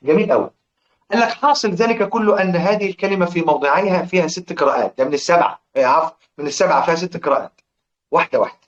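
A man's voice: high voice, racing. A man with an Egyptian accent teaching a lesson on Quran recitation rules. He quizzes his students, answers his own questions and chants lines of verse. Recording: echoey, dull lo-fi room recording.

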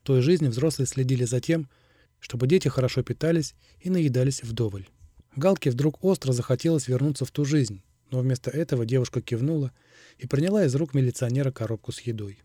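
A man narrating an audiobook in a steady, even reading. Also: medium pitch, brisk, dry recording, clean studio sound. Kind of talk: scripted narration.

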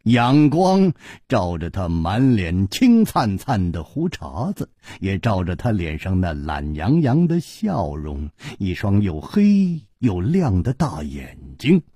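A man's voice: low-pitched, wildly swooping pitch, slow, few pauses, dark tone, slightly rough, dry recording, clean studio sound. A male storyteller narrating a martial arts tale in a dramatic, vivid manner.

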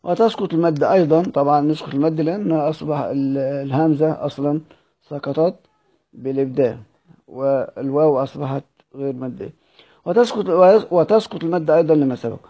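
A man's voice: a little high, fast talker, dark tone. A man with an Egyptian Arabic accent who teaches Quran recitation. He reads a classical text aloud, then explains it in colloquial speech and keeps asking rhetorical questions. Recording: dull lo-fi audio recording.

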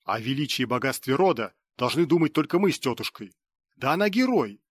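A man's voice: mid-range voice, big pitch swings, brisk, dry recording, studio quality. A man reading an audiobook voices an arrogant young nobleman who sneers and dismisses others. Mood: sneering defiance.

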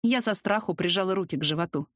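A woman narrating a first-person audiobook in a lively, expressive way. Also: on the low side, fast talker, dry recording, clean studio sound.

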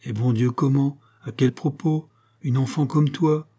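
A man's voice: mid-range voice, steady tone, measured pace, mellow, voice pushed up, lightly acted. A man reading aloud voices a kindly older village mayor who asks blunt questions. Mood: questioning.

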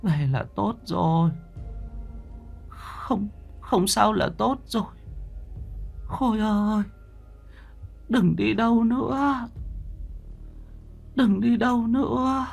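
A man's voice: high-pitched, slow pace, vocal fry, long pauses, faint music behind, pitched above the performer's own voice, exaggerated voice. A man voicing a frail old grandmother on her deathbed in a ghost story, speaking in a thin, faint, whispery voice. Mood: pleading.

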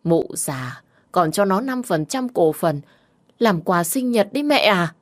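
A woman's voice: medium pitch, animated, a little slow, voice pushed up, natural voice. A woman voicing a scheming, vengeful young woman in a narrated story.

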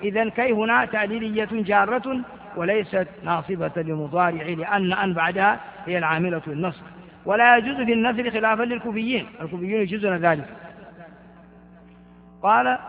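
A man's voice: high-pitched, fast, gravelly. An older man giving a classical grammar lecture, reading out a text and explaining it with repetitions and questions to his students. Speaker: teacher of Arabic grammar. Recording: phone-like lo-fi recording in a reverberant hall.

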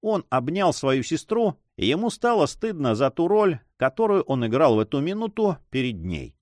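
A man reading a classic adventure novel aloud in a measured, dramatic narrator's voice. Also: fairly high pitch, sing-song, a little mellow, no room sound, clean studio sound. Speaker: audiobook narrator. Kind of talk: expressive literary reading.

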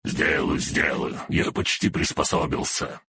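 A male audiobook narrator voicing a haughty, ancient otherworldly demon archduke in a hushed, breathy demonic voice, speaking down to a boy and calling him child. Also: rumbling low, fairly even intonation, measured pace, dry recording, studio quality, full character voice. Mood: disdainful. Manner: lofty and condescending, calls the boy "child".

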